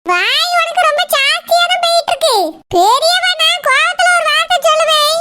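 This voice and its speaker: Brief: cartoon mother-in-law, Kanyakumari Tamil accent, bossy and sarcastic, squeaky high voice, loud noisy background with clicks. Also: lively intonation, moderate pace. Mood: scolding. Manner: scolding, sarcastic, grumbling. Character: nagging older village mother-in-law, bossy and complaining.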